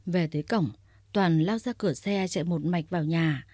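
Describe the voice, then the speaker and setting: A woman reading a story aloud in a steady, even narrating voice. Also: lowish voice, normal speed, no echo, clean studio sound.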